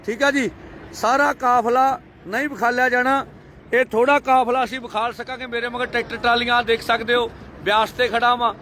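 A man giving energetic live commentary outdoors by a highway among tractors, urging viewers again and again to share, on a handheld phone. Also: moderate pace, a little hiss or hum. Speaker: live-stream reporter at a farmers' convoy.

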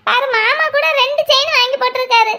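A woman's voice: extremely high pitch, fast talker, sharp tone. A whiny jealous little girl. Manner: whiny, pleading. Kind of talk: cartoon voice acting.

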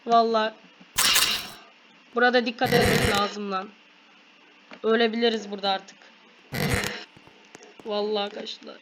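A woman hosting a gaming video, giving excited play-by-play to her viewers and shouting quick commands during fights. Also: mid-range voice. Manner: addresses viewers constantly. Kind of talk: excited gameplay commentary. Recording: loud background noise.

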